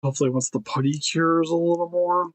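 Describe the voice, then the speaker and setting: A man's voice: fairly high pitch, steady tone, a little fast, no room sound. A man talking casually to his viewers while he sculpts and glues a custom figure, thinking aloud as he works. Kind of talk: casual work-along chat.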